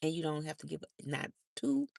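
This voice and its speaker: Gravelly, blunt older woman live streaming. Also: sits low, flat delivery, moderate pace, darkish tone, no room sound, clean studio sound. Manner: salty, blunt, swears freely. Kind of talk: casual live-stream chat.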